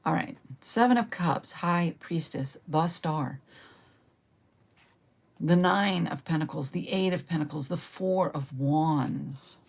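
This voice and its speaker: A woman giving a solo tarot reading, reflective and lingering over each card, sometimes slipping into a breathy whisper. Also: deep voice, slow pace, a little mellow. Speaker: tarot reader.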